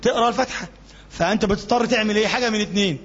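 A fast-talking Egyptian sheikh with a high, fairly bright male voice and an Egyptian Arabic accent teaches a religious lesson in a mosque classroom. He speaks colloquially, poses questions to the class and answers them himself, and demonstrates chanting. The recording is dull and lo-fi, with long reverb from the hall.

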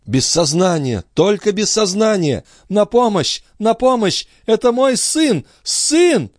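A man's voice: lively intonation, normal speed, darkish tone, dry recording, clean studio sound, close to an everyday voice. A man voicing a frantic entranced mother who cries out what she sees, in an audiobook. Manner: shrill, breathless, crying out. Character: frantic entranced mother, a woman seeing visions. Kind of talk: audiobook dialogue acting.

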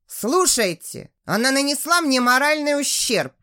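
A woman voicing an arrogant, sleazy rich male client in an audiobook, talking loud, slow and indignant. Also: fairly high pitch, sing-song. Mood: demanding.

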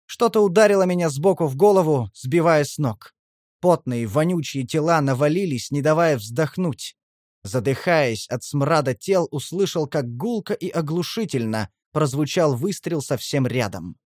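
Man, audiobook narrator, first-person, tense and driven, slightly high voice, dry close sound. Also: expressive, moderate pace, a little mellow, dry recording.

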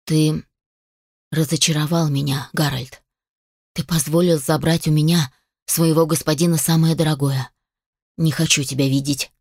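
A woman's voice: moderate pace, few pauses, no room sound, clean studio sound, close to an everyday voice. Woman voicing a grim male necromancer. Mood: cold reproach. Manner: cold, low and clipped. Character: grim stern male necromancer lord, grown man. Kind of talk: audiobook character voice.

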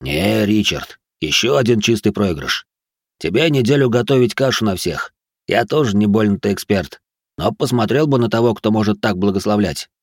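A man's voice: fairly low pitch, expressive, moderate pace, no room sound, studio quality. A man voicing a big, blunt former lieutenant who talks plainly and easily.

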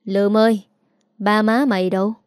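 A woman's voice: medium pitch, little pitch movement, moderate pace, darkish tone, smooth, no echo, studio quality, natural voice. A woman with a Southern Vietnamese accent voicing a drunk old village man who rambles. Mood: drunk rambling. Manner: slurring, rambling.

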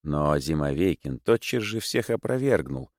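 A man narrating a classic novel as an audiobook, measured and even. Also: rumbling low, dry recording, studio quality.

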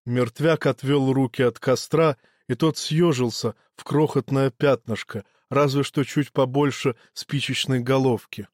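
A man's voice: medium pitch, fairly even intonation, a little slow, hardly any pauses, a little mellow, no echo. Man narrating an audiobook, dry sound. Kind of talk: first-person audiobook narration.

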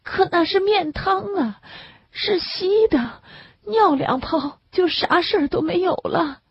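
A woman's voice: extremely high pitch, expressive, no echo, voice pushed up, exaggerated voice. Woman doing a sobbing sick man in agony. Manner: wailing, choked with tears, drawn-out. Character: sick middle-aged male labor-camp inmate, sobbing in pain. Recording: dull lo-fi recording.

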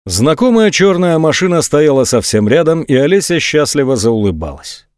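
A man reading a novel aloud as an audiobook narrator, with expressive delivery. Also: fairly high pitch, normal speed, dry recording, studio quality. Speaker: audiobook reader.

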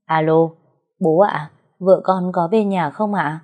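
A polite, anxious young husband, as a woman narrator voices him. He speaks respectfully and in a hurry, in a low, mellow tone. It is a spoken audio story. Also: steady tone, takes it slowly.

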